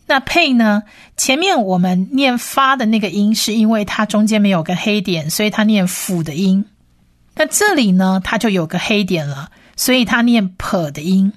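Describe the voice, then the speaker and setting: A woman leads a recorded language lesson, sounding out each letter and syllable again and again with patient care. Her voice sits at a middle pitch. The recording is close and dry, with no room sound. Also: dry recording. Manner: patient, repeats each sound slowly and clearly. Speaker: Hebrew teacher.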